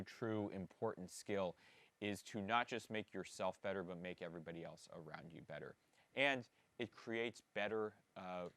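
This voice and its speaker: A man's voice: on the low side, a bit bright, no room sound. A middle-aged male school principal addressing students at an assembly, in an earnest, encouraging way, often repeating words for emphasis.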